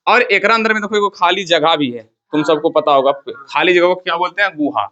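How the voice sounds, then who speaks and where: Male teacher, slightly high voice, call-and-response classroom lecture, muffled lo-fi recording. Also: brisk, bright, forceful tone. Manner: quizzes the class with call-and-response questions, repeating key terms. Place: classroom with students.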